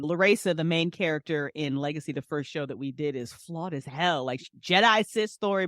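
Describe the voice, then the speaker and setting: A fiction podcast writer and creator appears as an interview guest, chatting casually in an animated, effusive, emphatic way with slangy, repetitive phrasing. Her voice is deep, captured in studio quality with no room sound.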